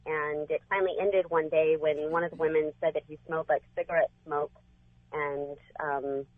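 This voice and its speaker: A woman's voice: low voice, level tone, normal speed, no echo. A woman calling in to a radio show, chatty and matter-of-fact as she recounts local history. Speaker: caller. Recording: phone line.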